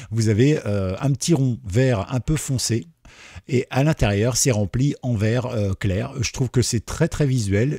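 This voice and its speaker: A man hosting a screen-recorded software tutorial, talking in a relaxed, chatty way with many fillers. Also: medium pitch, husky, no echo, clean studio sound. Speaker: tutorial host.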